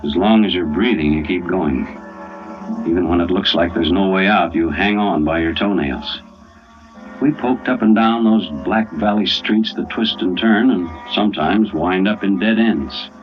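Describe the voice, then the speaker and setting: In an old-time radio drama, an actor with a low, nearly everyday voice plays a weary, dogged family man, narrating in first person and acting at a moderate pace. His delivery is brooding and hard-boiled, the mood tense and grim. Dramatic music plays under a dull old radio recording.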